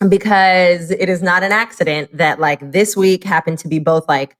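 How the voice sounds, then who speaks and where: A woman's voice: fairly low pitch, normal speed. A young woman hosting a podcast, chatting casually with slangy, effusive talk and frequent laughter. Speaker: podcast host. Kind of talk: casual chat.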